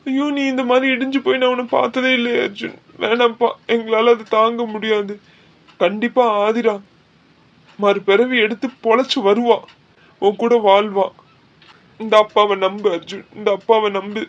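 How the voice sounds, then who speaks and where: A man's voice: high voice, level tone, normal speed, fairly bright tone, dull audio. A man voicing an elderly father in a cartoon, speaking in a soothing, fatherly way. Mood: comforting. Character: elderly father, gentle and reassuring. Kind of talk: cartoon dubbing.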